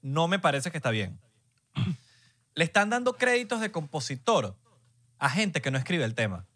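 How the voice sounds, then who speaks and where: Bright-voiced young Venezuelan man. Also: a little high, big pitch swings, normal speed. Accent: Venezuelan Spanish. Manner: emphatic, peppers speech with slang fillers. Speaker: podcast co-host. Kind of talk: casual chat.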